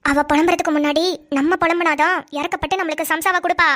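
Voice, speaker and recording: A woman voicing a chatty, blunt young village girl in a cartoon, talking in a quick rural manner. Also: extremely high pitch, steady tone, fairly bright tone.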